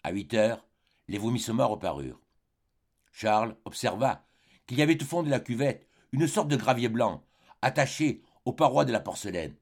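A man's voice: mid-range voice, sing-song, moderate pace. Man reading a classic novel aloud. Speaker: audiobook reader. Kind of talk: literary audiobook narration.

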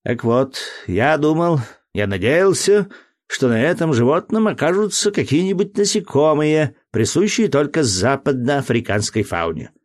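A man reading aloud, voicing a fussy, excitable male entomologist who lectures with pedantic indignation. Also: fairly high pitch, a little slow, pitched above the performer's own voice. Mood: fussy, lecturing. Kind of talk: audiobook character voice.

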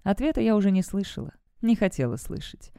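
A woman's voice: mid-range voice, big pitch swings, brisk, mellow, no echo. A woman reading a first-person novel aloud as an audiobook narrator, close to the mic. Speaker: audiobook reader.

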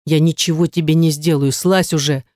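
A gruff young man with a short temper barks his orders in a growling voice, as the audiobook narrator puts him on. His voice is recorded dry and close. It is a storybook reading. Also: medium pitch, fairly even intonation, normal speed, a little mellow, dry recording, close to an everyday voice. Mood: softened. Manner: growling, commanding. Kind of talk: audiobook dialogue.

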